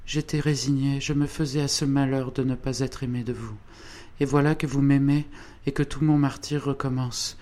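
Un homme qui lit le rôle d'une jeune femme fragile, pieuse et résignée, d'une voix douce et implorante dans un livre audio. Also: male voice, medium pitch, little pitch movement, unhurried, a little mellow, natural voice. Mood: suppliant. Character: frail young woman, devout and resigned.

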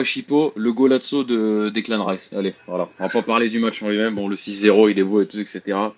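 A man co-hosting a casual football talk show, slangy and hesitant with frequent restarts. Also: on the low side. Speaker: football podcast co-host. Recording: dull lo-fi sound.

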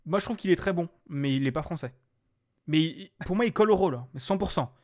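A man co-hosting a casual podcast chat, talking in a halting way with many fillers. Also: on the high side, animated, darkish tone. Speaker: podcast co-host.

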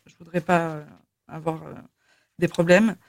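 A woman's voice: fairly low pitch, steady tone, normal speed, vocal fry. A woman co-hosting a radio show, chatting casually with lots of fillers and laughter. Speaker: radio co-host.

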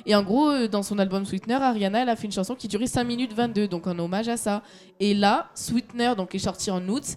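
Young female co-host, casual and giggly, halting delivery, mid-range voice. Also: medium pitch, a little mellow. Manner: chatty, giggly, trips over her words. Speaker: radio show co-host. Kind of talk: casual radio chat.

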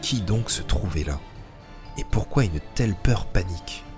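A deep-voiced man narrating a science-fiction audio drama. His delivery is measured and even, reading scripted lines with quiet control. Soft music runs behind him.

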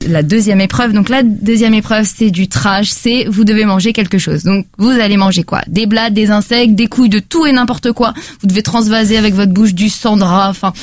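A woman's voice: medium pitch, a little fast, few pauses, dry recording. A woman presenting her podcast pick in a casual French chat, chatty and full of fillers. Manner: chatty, animated, many fillers. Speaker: podcast reviewer.

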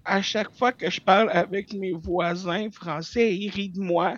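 A man with a Québécois accent, chatting casually as a guest with animated, quick talk and frequent restarts. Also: high-pitched, muffled recording, a loud crowd. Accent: Québécois French. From Quebec. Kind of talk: casual chat over video call.

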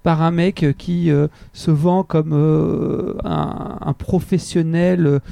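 A man with a gravelly, fry-edged voice chats casually as a podcast co-host, stumbling through his sentences with plenty of fillers and restarts. His tone is dark and mellow, pitched a little high, and the recording is close and dry. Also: steady tone, no room sound. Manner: rambling, halting, many fillers and restarts. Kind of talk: casual chat.

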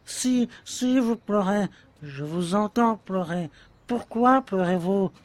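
A man playing a slow, pleading devoted lover. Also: sits high, no room sound. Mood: pressing. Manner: tender, pleading, insistent. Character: adoring, anxious young male lover. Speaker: voice actor. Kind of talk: amateur audio drama acting.

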